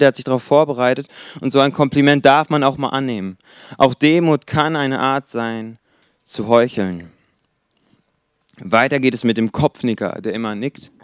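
Smooth-voiced male preacher, dry sound. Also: mid-range voice, no room sound. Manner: lively, acts out quoted voices. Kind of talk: sermon.

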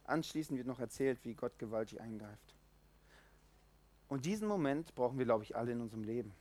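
A man preaching an informal sermon, animated, acting out the voices in the stories and swinging between loud and quiet. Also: mid-range voice, fairly quick. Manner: lively, animated, acts out quoted voices, swings loud and soft.

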